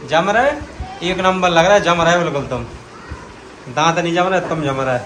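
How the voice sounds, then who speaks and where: A man's voice: on the high side, normal speed, background noise. A young man with a Bundeli accent, vlogging casually at home and teasing the children playfully. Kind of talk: casual family vlog narration.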